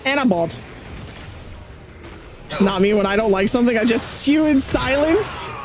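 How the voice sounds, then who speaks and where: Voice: mid-range voice, measured pace, a crowd in the background. A streamer chatting casually while gaming, talkative and incredulous, often laughing. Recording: steady background noise.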